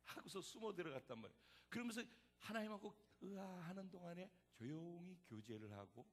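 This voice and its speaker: A man preaching a sermon as pastor, dramatic and animated, acting out the voices in the story. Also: high voice, fast.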